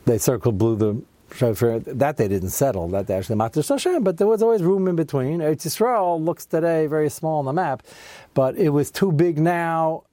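A man's voice: a little high, a little fast, warm tone, no echo. A man teaching a Torah study class, talking conversationally and acting out people's excuses in a raised voice.

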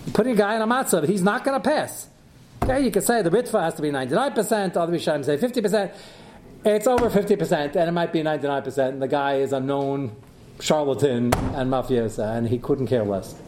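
A man's voice: a little high, fast talker, darkish tone. A man teaching a religious law class informally, reading sources and arguing through questions and answers. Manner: argumentative, posing questions and answering them. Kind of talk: informal lecture, reading sources aloud and explaining. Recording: noticeable background noise, clicks.

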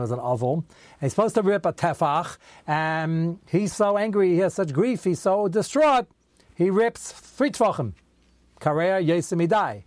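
A man teaching a Talmud class, his voice sitting a little high for a man. He talks in an easy storytelling way, dropping Hebrew and Yiddish terms into his English. The sound is dry and close, with no room around it. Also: darkish tone, no echo. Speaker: Torah teacher.

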